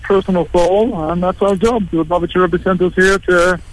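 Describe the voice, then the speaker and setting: A man from England, a rabbi, speaking as a guest in a live radio interview, relaxed and plain-spoken, sometimes halting. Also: sits high, rough recording. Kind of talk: interview by phone, live remote.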